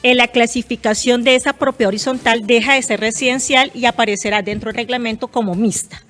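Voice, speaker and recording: A woman's voice: on the high side, fairly even intonation, fast, fairly bright tone, faint music behind. A woman, a guest expert explaining property tax rules in a precise, example-driven way on a radio talk show.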